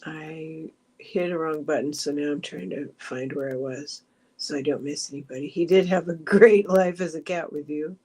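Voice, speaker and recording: A woman's voice: low voice, moderate pace, slightly rough. A middle-aged woman hosting a meditation group livestream, chatting casually and wandering between thoughts. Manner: chatty, meandering, with frequent restarts and soft asides. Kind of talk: casual chat, reading viewer comments aloud.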